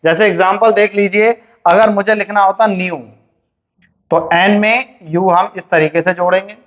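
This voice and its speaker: A man's voice: high-pitched, steady tone, normal speed. A man teaching shorthand in a classroom lesson, explaining step by step and asking and answering his own questions. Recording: dull, muffled lo-fi recording.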